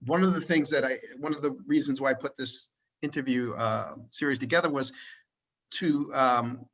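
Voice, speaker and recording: Bright-voiced man hosting a rambling interview. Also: medium pitch, moderate pace, poor audio. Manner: rambling, many restarts and tag questions. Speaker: interviewer and channel host. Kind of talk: casual conversational interview. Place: at home in Switzerland, recorded over a video call.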